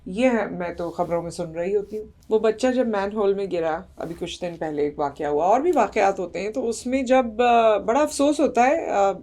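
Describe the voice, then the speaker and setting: A woman hosting an interview who speaks in a measured, reflective way and backs the guest with short agreements. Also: mid-range voice, mellow. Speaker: host. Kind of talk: conversational interview.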